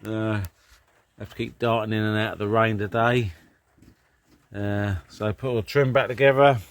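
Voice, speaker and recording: A British man with a fairly low voice hosts a casual repair vlog. He thinks aloud as he works, rambling along in a plain, matter-of-fact manner. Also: flat delivery, moderate pace. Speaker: vlog host doing DIY car repairs. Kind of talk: casual chat and work commentary.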